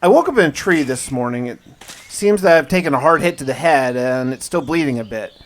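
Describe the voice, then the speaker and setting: With music playing behind him, a gaming video host narrates a role-play survival series as a scripted first-person log. His mid-range voice is animated and brisk, and his delivery is dramatic, like storytelling.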